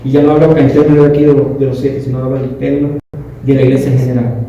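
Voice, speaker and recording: A man's voice: mid-range voice, little pitch movement, rapid-fire, mellow, lo-fi sound, slight background noise. A man in his thirties giving a personal testimony to a class, telling it emphatically and often correcting himself mid-sentence. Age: 30s. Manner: emphatic, storytelling, self-correcting. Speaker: leadership class participant. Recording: very echoey room, distant mic.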